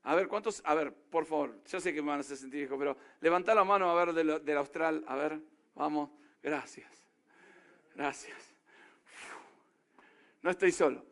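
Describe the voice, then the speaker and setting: Preaching emphatically in an Argentine Spanish accent, this pastor has a slightly high, fairly bright voice at a moderate pace, broken by long pauses. He peppers his sermon with rhetorical questions aimed at the crowd.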